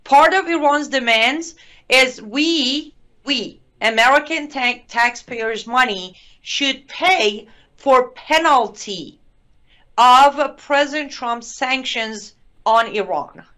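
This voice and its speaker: A woman's voice: high-pitched, takes it slowly, pushed and bright. A woman whose first language is not English, a guest giving emphatic, indignant political commentary with sarcastic asides.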